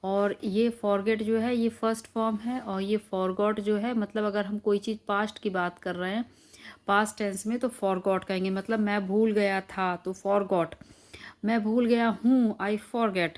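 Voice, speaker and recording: एक महिला शिक्षिका, जो बच्चों को धैर्य से शब्दों के अर्थ समझाती है और हर शब्द को धीरे-धीरे दोहराती है।. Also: female voice, mid-range voice, steady tone, darkish tone. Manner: repeats each word slowly, patient classroom explaining. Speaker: teacher. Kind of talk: explaining word meanings to children.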